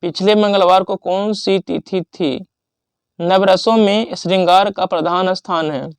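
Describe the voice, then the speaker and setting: Guy w a high smooth voice reading off exam revision lists, steady n paused. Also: no echo. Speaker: exam prep teacher.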